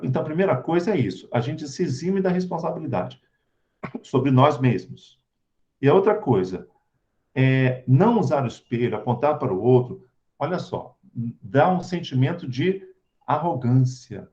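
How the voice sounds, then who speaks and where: A man's voice: mid-range voice, very animated, moderate pace, a little mellow. A man giving a conversational spiritual talk, asking his audience rhetorical questions. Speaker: spiritual lecturer. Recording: dull lo-fi recording.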